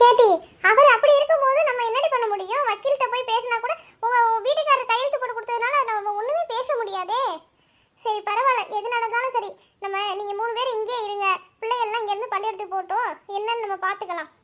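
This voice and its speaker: A woman voices a firm older cartoon mother who scolds and comforts her family. The voice is very high, bright and quick. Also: fairly even intonation. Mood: firm, comforting.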